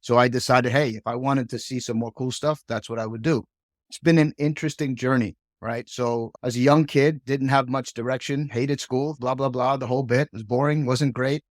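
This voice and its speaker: A man's voice: mid-range voice, steady tone, moderate pace, no echo, studio quality. A middle-aged man from Hong Kong, a podcast guest, telling his career story in a chatty way and tagging many sentences with "right?". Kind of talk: casual storytelling.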